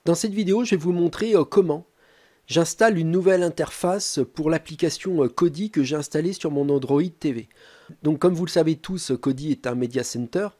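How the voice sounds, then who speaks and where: Man, tech tutorial narration, mellow tone, calm, hesitant fillers, step-by-step. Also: on the high side, a little fast.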